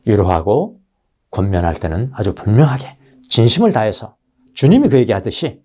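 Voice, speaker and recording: Lively, mellow-voiced male pastor preaching. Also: fairly low pitch. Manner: animated preaching, addresses the congregation directly. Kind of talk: sermon. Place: church sanctuary.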